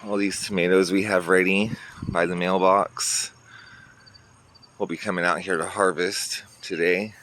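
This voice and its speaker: A garden vlogger with a low, level, slightly bright voice speaks a little slowly while casually walking viewers through his garden and pointing out plants. He sounds a bit congested, chatting into a handheld phone outdoors near a road with faint traffic and ambient outdoor sound.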